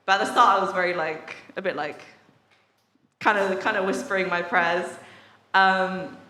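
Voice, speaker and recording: A woman's voice: on the low side, fairly even intonation, moderate pace, bright, forceful tone. A young woman from England giving a casual testimony at a church service, chatty and full of fillers, laughing often. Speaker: workshop participant sharing testimony. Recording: echoey hall sound.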